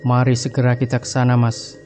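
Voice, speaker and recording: A man voicing a calm male religious cleric in a horror story, speaking in a measured, instructive way. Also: mid-range voice, soft background music, lightly acted. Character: calm male Islamic boarding school cleric.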